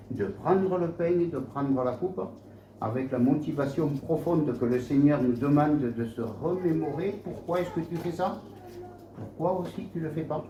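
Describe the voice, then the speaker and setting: A man with a French accent preaching a sermon in a church, animated, with rhetorical questions and swings from soft asides to raised emphasis. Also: on the high side, a little hiss or hum. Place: church hall. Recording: roomy church hall, dull lo-fi sound.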